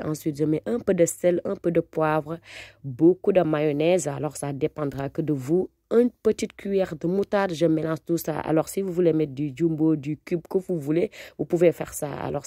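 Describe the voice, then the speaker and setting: A woman's voice: sits low, dark tone, no echo, clean studio sound. A woman with a Senegalese accent giving a casual recipe voice-over as a cooking vlogger, switching between French and Wolof.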